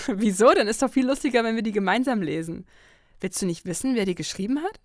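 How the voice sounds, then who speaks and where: Woman doing a loud, cheeky young woman friend in a storybook reading, pitched up a bit with a gravelly edge, dry close sound. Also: expressive, fast, dry recording. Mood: teasing.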